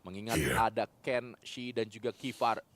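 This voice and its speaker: An Indonesian man commentating excitedly on a live esports match in colloquial speech, often repeating words and names. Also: medium pitch, moderate pace. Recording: game gunfire and noise behind.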